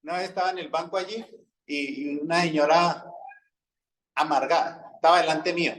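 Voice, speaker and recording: A man's voice: fairly high pitch, fairly even intonation, normal speed, fairly bright tone, a little hiss or hum, rough recording. A man with a Colombian Spanish accent preaching a sermon as pastor, talking in a conversational way, checking in with his listeners and acting out everyday stories. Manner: acts out quoted dialogue in everyday stories.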